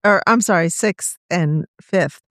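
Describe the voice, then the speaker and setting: A woman's voice: fairly low pitch, takes it slowly, no echo, clean studio sound. A middle-aged woman with the hiccups, hesitantly giving her beer rankings in casual chat. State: has the hiccups.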